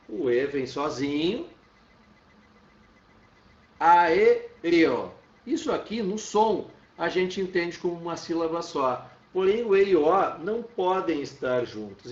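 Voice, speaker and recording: Man, teacher, slow careful explanations, roomy echo, dull off-mic sound. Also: a little high, far from the mic. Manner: explains step by step, checks in with "tá?". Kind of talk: classroom lecture.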